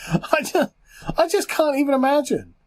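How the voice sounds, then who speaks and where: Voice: sits high, sing-song, normal speed. A British political commentator ranting in a sarcastic, mocking way, often breaking into laughter.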